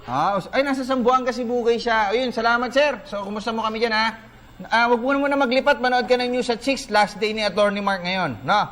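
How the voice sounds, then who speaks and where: A man's voice: very high-pitched, brisk, fairly bright tone. A man hosting a sports talk show in a studio, bantering casually and joking with callers. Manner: joking, teasing, easygoing.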